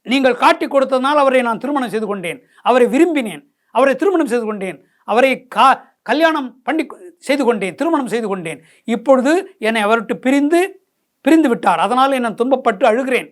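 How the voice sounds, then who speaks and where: A woman's voice: high-pitched, animated, fairly quick. A woman voicing a grieving young wife who reproaches her own eyes in a lamenting, repetitive way. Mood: reproachful. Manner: reproachful, lamenting, repeating herself. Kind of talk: dramatized poetry explanation.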